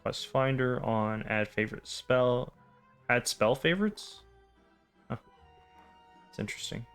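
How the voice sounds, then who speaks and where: A man hosting a game playthrough with casual, wry, deadpan commentary and rambling asides. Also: medium pitch, a little slow, smooth. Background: game music.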